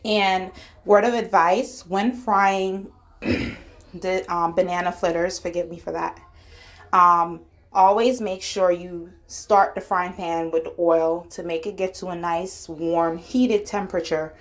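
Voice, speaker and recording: A woman's voice: lowish voice, steady tone, slow. A woman with an Antiguan accent giving a casual, chatty cooking tutorial as the host of her channel. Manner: informal, chatty, instructional.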